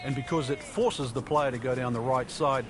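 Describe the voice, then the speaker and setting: A man's voice: mid-range voice, fairly even intonation, moderate pace, over music. A man working as a golf analyst in broadcast commentary, explaining things in a conversational way. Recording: outdoor crowd and background noise.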